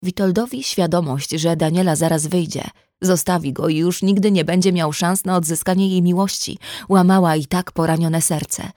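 A woman narrating a novel as an audiobook in measured, emotive storytelling. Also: on the low side, fairly even intonation, dark tone, no echo, studio quality.

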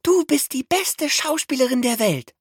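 A sweet little mouse girl gushes with admiration in a very high, light voice, as a male narrator puts her on. It is a storybook voice. The recording is dry and close. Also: expressive, moderate pace, slightly rough, no echo, heavily acted. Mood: admiring. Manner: high, gushing.

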